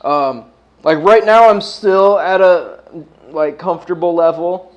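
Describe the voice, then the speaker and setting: Unhurried and high-pitched, this American man hosts a livestream in a relaxed stoner manner, tossing out slang and cursing often. The recording sounds muffled.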